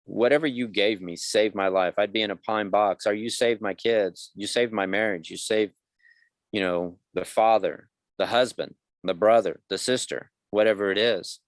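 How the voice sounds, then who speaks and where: A man's voice: fairly low pitch, normal speed, dry recording. A man in his fifties, a podcast guest, telling his life story candidly and acting out the dialogue of people in it. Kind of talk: conversational podcast interview.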